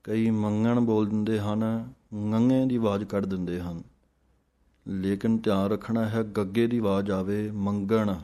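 A male recitation teacher with a low, mellow voice leads a calm lesson. He chants each verse at an unhurried pace, then patiently explains where to pause. His delivery stays flat and steady throughout.

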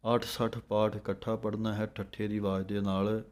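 Male recitation teacher, low voice, slow drawn-out chanting of verses with patient explanations. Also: level tone, a little mellow. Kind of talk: slow recitation lesson with pronunciation notes.

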